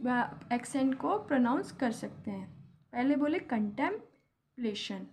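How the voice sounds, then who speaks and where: A woman's voice: high voice, darkish tone. A young Indian woman teaching English vocabulary, explaining each word patiently with examples. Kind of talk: vocabulary lesson in Hindi.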